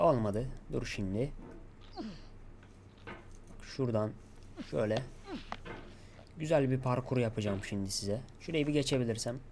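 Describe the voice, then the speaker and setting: A man giving gameplay commentary, talking to himself and coaxing himself to stay calm. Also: mid-range voice, a little hiss or hum. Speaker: gaming YouTuber.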